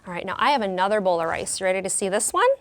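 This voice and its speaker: An elementary school teacher leads a classroom lesson for young children, speaking expressively and prompting them with questions. She talks very fast in a mid-range, fairly bright voice with lively intonation.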